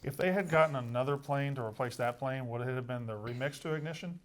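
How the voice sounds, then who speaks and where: A man hosting an irreverent comedic interview, asking questions and teasing in a deadpan way. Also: medium pitch, quick pace. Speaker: interviewer, host.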